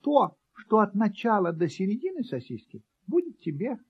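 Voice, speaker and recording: A man's voice: high-pitched, wildly swooping pitch, normal speed, slightly rough, voice pushed up, exaggerated voice. A man voicing a naive, curious little male kitten in a storybook reading, earnest and puzzled. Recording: dull lo-fi recording.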